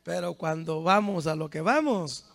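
A man preaching a fervent sermon, swinging from hushed asides to shouts and firing questions at the congregation. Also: fairly high pitch, animated, moderate pace, creaky.

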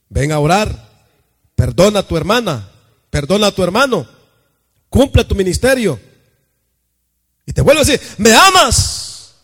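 A man's voice: sits high, husky, long reverb tail. A man preaching a sermon in a church with an impassioned, sing-song cadence.

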